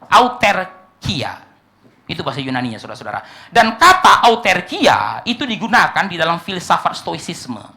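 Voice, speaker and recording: A male pastor delivering a sermon, swinging between loud emphatic lines and quiet asides, acting out short dialogues in a lowered voice. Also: gravelly. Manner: preaching with sweeping pitch swings, drops to quiet asides. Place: church hall.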